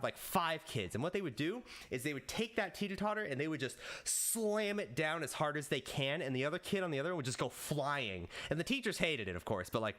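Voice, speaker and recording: A man in his late twenties talks loosely to his stream chat. His pitch jumps around a lot as he rambles through a story, and he swears freely. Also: fairly bright tone. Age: late 20s. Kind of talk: casual live-stream chat.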